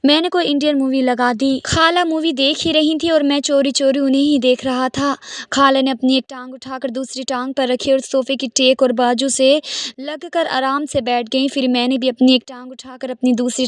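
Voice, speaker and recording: A woman narrates a scripted story at a steady storytelling pace. Her voice sits high, and the recording is close and dry. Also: dry recording.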